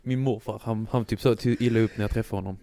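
A man's voice: lowish voice, fairly even intonation, creaky, mellow. A young man from Skåne with a Skåne accent, co-hosting a podcast in joking, chatty casual talk. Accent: Skåne Swedish. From Skåne, Sweden. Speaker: podcast co-host. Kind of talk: casual chat.

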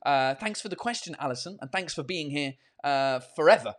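Man live-streaming in halting, mixed French. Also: a little high, expressive. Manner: switches between French and English mid-speech; halting, word-searching French with repeated words. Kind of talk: casual live chat reading out viewer messages.

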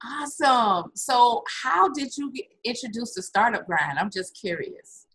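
An American woman hosts an online interview with lively enthusiasm. She leans into her words for emphasis. Her voice is bright, with a clear, forward edge. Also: a little high, unhurried, poor audio. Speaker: host.

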